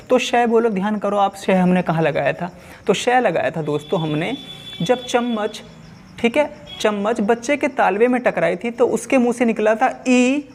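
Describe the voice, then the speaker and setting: A man's voice: sits high, slight background noise. A man teaching an exam-prep lesson, asking questions and repeating them to his viewers.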